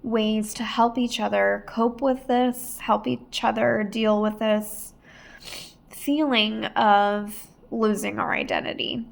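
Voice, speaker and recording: A woman's voice: a little high, level tone, slow pace, gravelly. A woman hosting a personal podcast, talking earnestly and emotionally about her own life. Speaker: podcast host.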